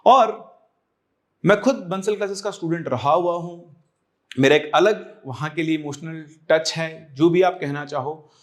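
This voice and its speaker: A man's voice: a little high, measured pace. An online exam-prep teacher explaining to his viewers why he made a career move, in an earnest way, mixing in English phrases. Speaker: online JEE/NEET teacher.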